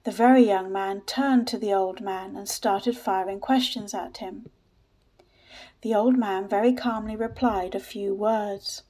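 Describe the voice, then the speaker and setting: A woman narrating a story in a steady, measured reading voice. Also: mid-range voice.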